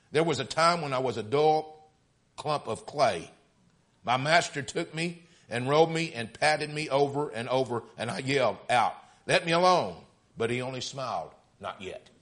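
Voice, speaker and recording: A man's voice: mid-range voice, fairly bright tone, lightly acted. Brief: male preacher reading a pleading talking teacup, a storybook thing in pain, plainly narrated. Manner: storytelling read-aloud tone.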